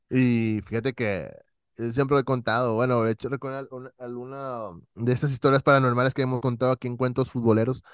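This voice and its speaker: Guy spinning a spooky story, slangy and animated, dry sound. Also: mid-range voice, fairly quick, clear, resonant tone, dry recording. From Monterrey, Mexico. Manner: animated storyteller, acts out voices, heavy slang. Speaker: podcast co-host. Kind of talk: casual storytelling chat.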